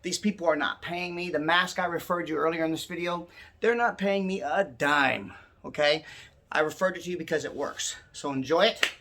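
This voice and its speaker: Guy a bit out of breath doing his money channel, kinda high voice, earnest, keeps saying guys. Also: moderate pace, bright, forceful tone. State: a little winded. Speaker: host of a personal finance channel. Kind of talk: casual direct-to-viewer talk.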